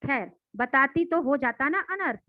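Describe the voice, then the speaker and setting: Brief: stern cheating homeowner who shouts at his governess, read aloud by a woman teacher, higher pitch, dry phone-line recording. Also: lively intonation, measured pace, no echo. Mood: stern, scolding. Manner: harsh, scolding, loud. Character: stern scheming male homeowner, scolding. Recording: dry, tinny phone-like sound.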